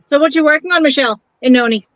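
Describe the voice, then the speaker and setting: Easygoing woman on a video call, dull dry sound, kinda high voice. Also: very fast, a bit bright, no room sound. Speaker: crochet group member. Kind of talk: casual group video chat.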